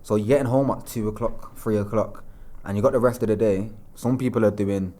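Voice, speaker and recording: Low fast-talking young man, slangy. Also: fairly even intonation, mellow. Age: young adult. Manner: laid-back storytelling with slang and fillers. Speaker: podcast guest, former footballer. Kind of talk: casual chat.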